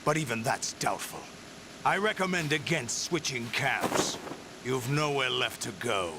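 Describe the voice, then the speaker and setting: An older villain commander from a video game, his voice heavy with gravel and fry. He speaks deliberately and with cool condescension, like someone used to giving orders. A clear hiss runs through the recording. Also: mid-range voice, animated. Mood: stern, threatening. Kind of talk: dramatic video game acting.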